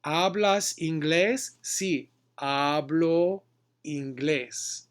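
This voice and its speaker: A man giving a casual language lesson, modeling short phrases slowly and switching between two languages. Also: fairly high pitch. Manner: slow, deliberate modeling of phrases, switching between Spanish and English. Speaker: Spanish teacher.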